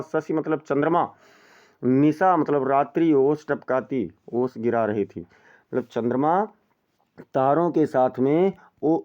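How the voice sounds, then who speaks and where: A male teacher with a smooth, resonant voice and a mid-range pitch walks through a poem verse by verse. He recites each verse slowly, then explains it in plain everyday words. The recording sounds a little muffled and lo-fi. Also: a little mellow. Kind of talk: explaining a Hindi poem line by line.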